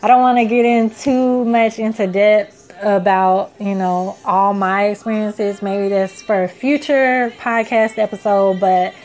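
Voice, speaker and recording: A woman in her twenties hosts a casual self-help podcast, sounding earnest and encouraging as she rambles with plenty of "you know" and "like." Her medium-pitched voice is a little mellow, fairly even in intonation, unhurried, and nearly free of pauses.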